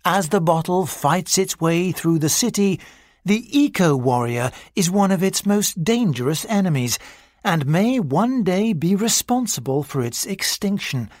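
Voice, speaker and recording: A narrator reading a mock-serious nature documentary script for a listening exercise, in a measured, scripted delivery. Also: mid-range voice, animated, a little mellow, dry recording, studio quality.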